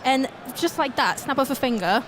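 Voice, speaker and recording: Chatty high-voiced woman from Singapore. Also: lively intonation, normal speed, noisy background. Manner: chatty, enthusiastic. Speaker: co-commentator. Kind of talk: live colour commentary.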